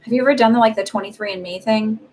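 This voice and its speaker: A woman's voice: a little high, racing, a little mellow, rough recording. A woman doing a live-streamed psychic reading, chatting casually and meandering with many fillers. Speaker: psychic reader.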